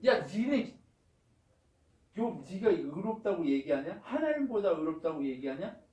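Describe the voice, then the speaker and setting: A man's voice: high-pitched, very animated, unhurried, dark tone. Elihu, a pastor voicing a brash, indignant young man. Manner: scolding, heated, blunt. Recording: roomy echo, mic far off.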